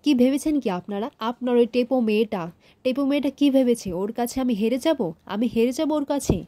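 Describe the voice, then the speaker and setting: A proud, domineering older father-in-law from a soap-opera recap, read out by a woman. The voice sits rather high and mellow, and the sound is dry and close. His lines come in a plain reading voice with little acting. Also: a little fast, no room sound, natural voice. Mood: scolding. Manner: read out flatly in the narrator's own voice.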